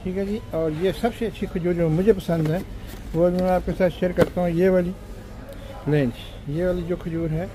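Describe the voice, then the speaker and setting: A man's voice: sits high, steady tone, moderate pace. A man, casually vlogging as he walks supermarket aisles and lists prices, peppering his talk with polite words. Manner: chatty, lists prices, says "ji" and "janab". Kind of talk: casual shopping vlog walkthrough. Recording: noisy shop background.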